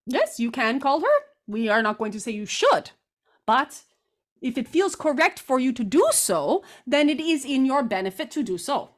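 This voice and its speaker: A woman channeling guidance like a seance medium, with formal, deliberate, stilted phrasing. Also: high-pitched, very animated. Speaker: trance channeler giving guidance.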